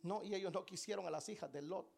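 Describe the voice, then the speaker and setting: A woman preaching a sermon in an animated way, acting out short exchanges and putting questions to her listeners. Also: lowish voice, fast talker, vocal fry. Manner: animated, acts out little dialogues, quizzes the congregation.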